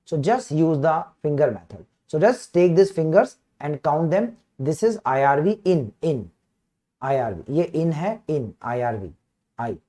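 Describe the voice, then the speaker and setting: A man with a north Indian accent and a slightly high voice teaches an informal online class. He repeats key phrases and keeps checking in with his students, often clearing his throat as he goes. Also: very animated, normal speed, mellow. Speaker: medical teacher. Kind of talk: informal live online lecture.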